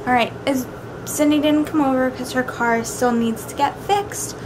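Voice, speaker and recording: A woman's voice: high-pitched, steady tone. A young woman vlogging casually at home in an informal, rambling way, full of "like" and "kinda". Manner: informal, drawn-out asides with frequent "like" and "kinda". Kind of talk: casual daily vlog chat. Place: at home, indoors. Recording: clear background noise, home ambience.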